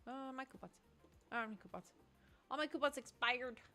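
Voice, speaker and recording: A woman chatting excitedly on a casual livestream, thinking aloud in slangy, chatty bursts. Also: high-pitched, quick pace, soft background music.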